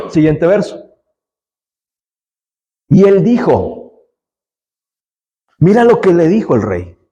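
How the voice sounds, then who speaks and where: A man's voice: sits high, wildly swooping pitch, drawn-out words, pauses often, a little mellow, poor audio. A man preaching a sermon, emphatic on key lines and chatty in his asides to the congregation. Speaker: pastor.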